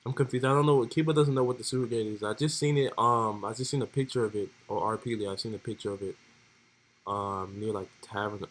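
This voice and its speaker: A man's voice: lowish voice, fast talker, low-quality recording. A young man streaming, laid-back and joking as he reads role-play text aloud in casual commentary.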